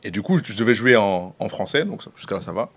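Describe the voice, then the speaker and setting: Speaking quickly and very animatedly in a fairly low voice, a young Central African Republic film director with a Central African French accent shares stories during a relaxed interview. He laughs frequently and trips over words he repeats.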